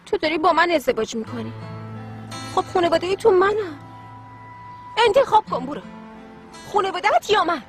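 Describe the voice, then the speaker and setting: A proud, insistent young fiancée in a dubbed drama. Her voice sits very high and swings widely. Faint music plays underneath. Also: animated, pauses often. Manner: emotional, insistent. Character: proud young woman demanding to be chosen. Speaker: dubbing actor. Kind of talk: Persian dub of a Turkish series.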